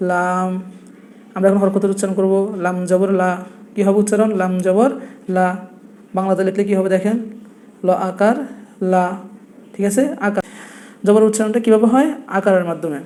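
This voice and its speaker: A young man with a Noakhali Bengali accent and a high, warm voice works as a Quran teacher. At the blackboard, he patiently repeats each point and uses rhetorical questions.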